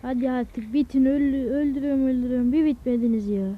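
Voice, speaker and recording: A young man hosting a mobile gaming channel, giving excitable, casual commentary while he plays and talks to his viewers. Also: very high voice, fast, phone-quality sound, very noisy. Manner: excitable, keeps urging "vur vur" at enemies and talking to viewers. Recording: loud game sound effects behind the voice.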